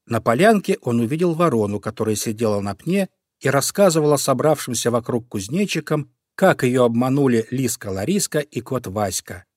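A man narrating a children's storybook in a calm, expressive manner. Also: mid-range voice, normal speed, no room sound, clean studio sound. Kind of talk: storybook reading.

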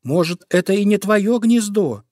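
A man voicing a sly female fox in a storybook reading, honeyed and coaxing, turning shrill when crossed. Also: animated, moderate pace, a little mellow, dry recording, studio quality.

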